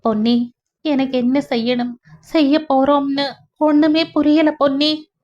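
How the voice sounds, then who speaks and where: A woman's voice: on the high side, level tone, unhurried, darkish tone, lightly acted. A woman voicing a grieving young mother who sounds weak, lost and despairing. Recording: dull lo-fi recording.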